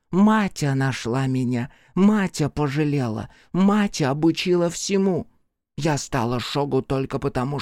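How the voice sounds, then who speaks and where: A male audiobook narrator voicing a scornful, treacherous demon woman servant in a raised, slower voice. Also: a little high, darkish tone, no echo, studio quality, voice pushed up. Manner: scornful, then cackling madly.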